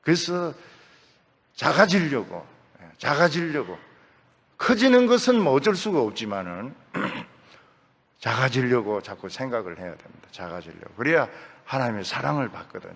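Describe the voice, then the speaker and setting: In a church sanctuary, an older Gyeongsang-accented pastor delivers a folksy, joking sermon and keeps circling back to his key phrases. He speaks at a moderate pace in a mid-range voice that is very animated and a bit bright, with vocal fry and a breathy edge. Church hall reverb surrounds the sound.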